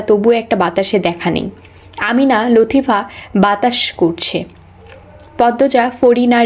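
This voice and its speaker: A woman's voice: fairly high pitch, darkish tone. Synthetic woman narrating a novel. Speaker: audiobook narrator. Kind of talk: text-to-speech novel reading.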